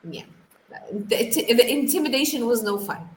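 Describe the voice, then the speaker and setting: With a fairly high pitch and normal speed, this Algerian English teacher in her thirties answers interview questions in a casual way, frequently repeating words as she thinks. English is her third language, not her first. Her audio carries a roomy echo and some faint background noise.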